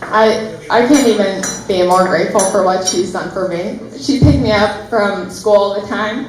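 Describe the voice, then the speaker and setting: A woman's voice: medium pitch, moderate pace, background noise. A young woman, the maid of honor, giving a heartfelt, giggly wedding toast, close to tears at times. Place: wedding reception hall. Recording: echoey reception hall.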